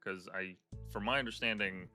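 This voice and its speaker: Bright-toned male podcast host. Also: lowish voice, fairly even intonation, normal speed, faint music behind. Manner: curious, laid-back questioning. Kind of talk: casual podcast interview.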